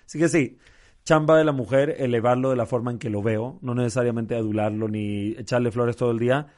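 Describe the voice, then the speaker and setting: A man's voice: mid-range voice, fairly even intonation, a little fast, darkish tone. A man with a Mexican accent chats casually, full of street slang. He tells jokes by acting out the people in them, with an easy storyteller's manner. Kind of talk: casual conversation, telling a joke.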